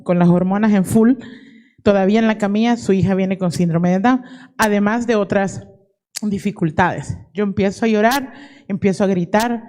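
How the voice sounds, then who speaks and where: A woman in her forties with a warm, mid-range voice stands in a conference hall as an audience member, sincerely sharing a personal testimony in Spanish sprinkled with English words.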